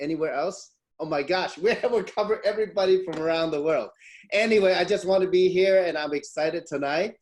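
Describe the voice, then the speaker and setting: A middle-aged man from Hong Kong hosting an online webinar over a video call, chatty and full of fillers and restarts. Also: high-pitched. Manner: chatty, many fillers and restarts, frequent laughs. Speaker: webinar host.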